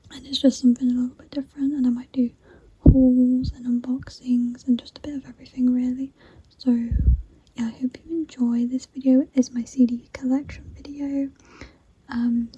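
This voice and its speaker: A woman whispering through a chatty, unhurried ASMR video as its creator. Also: a little high, warm tone, breathy edge, no room sound, highs cut off.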